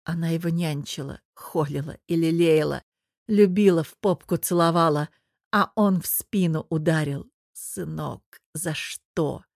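A woman narrating an audiobook in a measured, expressive storytelling voice. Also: deep voice, no echo, studio quality.

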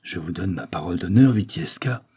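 A man voicing an army major, a smooth seducer pleading earnestly. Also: sits low, animated, a little fast, mellow, exaggerated voice.

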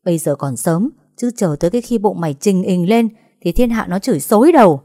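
A woman's voice: fairly low pitch, big pitch swings, fairly quick, dry recording, clean studio sound. A woman voicing a harsh, furious old grandmother who scolds her family. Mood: scolding. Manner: scolding, sharp-tongued.

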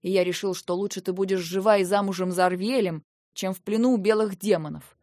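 A woman's voice: medium pitch, fairly even intonation, fairly quick, darkish tone, no room sound, studio quality, natural voice. A woman reading the lines of a young prince who firmly reasons with and pleads with his sister in an audiobook. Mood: persuading. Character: young male prince, weary stern older brother.

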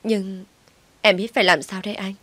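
A woman's voice: medium pitch, level tone, moderate pace, a bit bright, dry recording, lightly acted. A woman reading a story aloud, voicing a hurt young wife who pleads through tears. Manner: sobbing, pleading.

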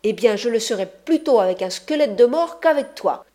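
A woman reading an audiobook, voicing a quarrelsome young woman who shouts and scolds. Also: a little high, animated, moderate pace, lightly acted. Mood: scornful. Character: shrill quarrelsome young woman, furious and scornful.

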